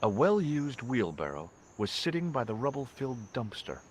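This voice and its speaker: A wry, inquisitive hero, voiced by a man who narrates his own video game adventure. His pitch is lively and rises and falls as he questions people, with a dry, sarcastic edge. Faint crickets can be heard in the background. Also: moderate pace, slight background noise, natural voice. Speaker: narrator and protagonist.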